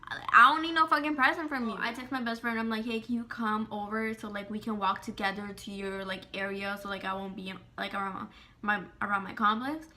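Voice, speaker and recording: Bright-voiced, profane woman vlogger. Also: mid-range voice. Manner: profane, rapid, animated retelling with quoted dialogue. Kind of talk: casual storytime.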